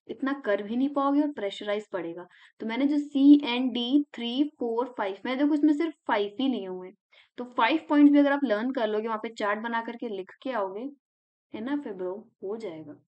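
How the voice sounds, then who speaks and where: A woman's voice: a little high, highs cut off. A young woman tutor giving a casual exam revision lesson, chatty, walking through mnemonics step by step with English terms in Indian English. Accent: Indian English words mixed into Hindi.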